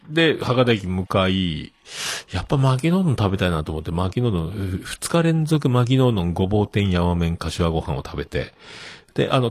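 Middle-aged male host, low husky voice, lively swings in pitch, rambling with fillers. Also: no echo. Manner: rambling, full of fillers, chuckling at himself. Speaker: show host. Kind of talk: casual solo talk.

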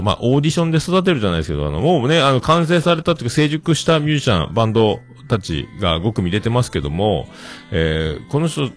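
A man in his forties talks alone as a podcast host, with a very low, gravelly voice. He rambles and pokes fun at himself, and his pitch swings widely as he fills pauses with long drawn-out sounds. Faint music plays softly behind him. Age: 40s. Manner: rambling, self-deprecating, many drawn-out fillers. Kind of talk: casual solo talk.

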